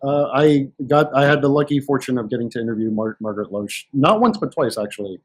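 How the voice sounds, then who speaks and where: A man in casual podcast chat, telling anecdotes with animated restarts. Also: mid-range voice, quick pace, low-quality recording. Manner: storytelling, animated, many restarts. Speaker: podcast guest.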